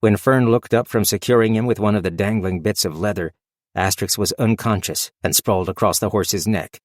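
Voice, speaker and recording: A man reading a fantasy audiobook as narrator in a steady, measured storytelling manner. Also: fairly low pitch, dry recording, clean studio sound. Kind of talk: scripted narration.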